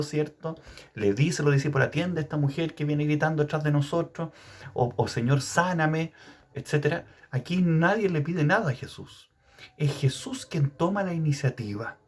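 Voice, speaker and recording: A male preacher gives a Gospel reflection in a very husky, breathy voice. His pitch rises and falls a great deal as he asks questions and draws out his key words. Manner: expressive, questioning, drawn-out emphasis. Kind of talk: sermon-style Gospel reflection.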